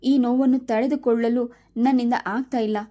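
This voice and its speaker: A woman voicing a grieving middle-aged brother who comforts his sister, speaking softly and tearfully. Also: a little high, steady tone, moderate pace, natural voice.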